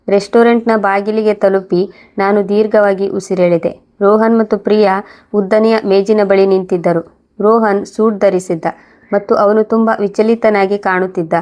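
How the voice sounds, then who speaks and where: A woman telling a moral story as scripted first-person narration, calm and measured. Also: mid-range voice.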